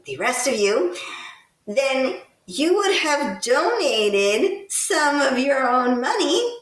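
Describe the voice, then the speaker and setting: A woman from Texas co-hosting a local politics podcast, talking in a deliberate, pointed way with some sarcastic criticism. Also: fairly high pitch, recorded from a distance. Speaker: podcast co-host. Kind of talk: casual political commentary. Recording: roomy sound, set back from the mic.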